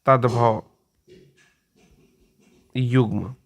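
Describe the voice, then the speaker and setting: A male teacher giving an exam-prep lecture. He explains patiently, repeats key words slowly and often clears his throat. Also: medium pitch, fairly even intonation.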